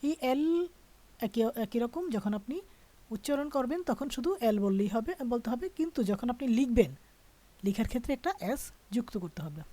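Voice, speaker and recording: A woman's voice: fairly high pitch, lively intonation, fairly quick, warm tone. Patient woman teaching grammar. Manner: patient, explains step by step, often asks "all right?". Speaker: French teacher.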